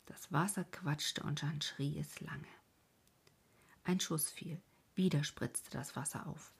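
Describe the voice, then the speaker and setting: A woman's voice: low-pitched, fairly even intonation, slow pace, creaky, breathy edge. A woman narrating a historical novel as an audiobook, often dropping to a half-whisper.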